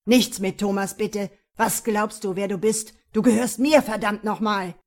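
A woman reading aloud and voicing a violent, jealous man who snarls and shouts his accusations. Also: medium pitch, steady tone, a little slow, close to an everyday voice. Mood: furious. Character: jealous, violent adult man, menacing and possessive.

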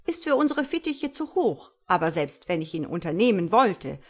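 A woman's voice: on the low side, big pitch swings, moderate pace. A woman voicing a pompous, preachy male bullfinch who lectures in a solemn tone. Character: pompous self-important male bullfinch, forest elder.

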